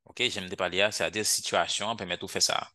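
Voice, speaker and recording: Deep-voiced man teaching English. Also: steady tone, pushed and bright, no echo. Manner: drills English phrases slowly, asks "ok?" often. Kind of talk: language lesson.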